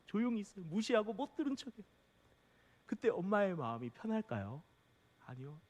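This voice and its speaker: A man preaching a sermon as pastor, impassioned, swinging between hushed, near-whispered passages and loud, urgent calls. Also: high voice, big pitch swings, fairly quick, in a large hall.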